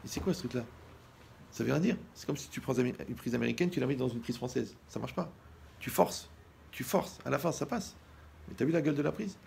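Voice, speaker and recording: A man gives a humorous sermon as a rabbi, speaking casually and straight to his listeners. His voice sits in a middle register with a strong gravelly fry. He jokes freely and slips into acted-out scenes as he goes. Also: medium pitch, fast talker, noisy background. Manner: lively, joking, talks to the listener directly, acts out scenes.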